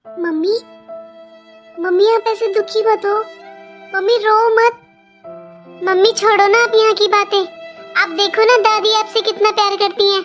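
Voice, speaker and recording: A woman's voice: extremely high pitch, steady tone, a little slow, pauses often, music in the background. A woman voicing a young, outspoken girl in a cartoon, talking in an earnest, pleading way. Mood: comforting. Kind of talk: cartoon voice acting.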